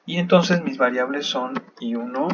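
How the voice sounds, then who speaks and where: A man's voice: mid-range voice, normal speed. A man teaching a math lesson over a screen recording, thinking aloud as he checks his work. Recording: slightly dull sound with faint background noise.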